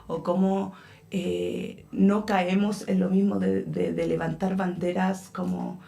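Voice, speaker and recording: A Chilean actress speaks as a radio interview guest in a low, gravelly voice. Her tone is dark and mellow, and she hesitates often as she searches for words. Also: level tone, slow.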